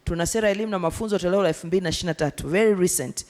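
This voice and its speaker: A woman's voice: fairly low pitch, a little mellow. A Tanzanian woman with a Tanzanian accent, contributing to a workshop discussion and switching between Swahili and English. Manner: fast and fluent, explaining points. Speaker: workshop participant.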